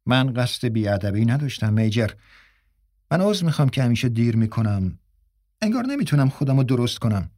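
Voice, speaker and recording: A man's voice: medium pitch, a little mellow, no room sound, studio quality, natural voice. A male narrator voicing a young actor who apologizes hurriedly yet keeps a proud, defiant edge. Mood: apologetic.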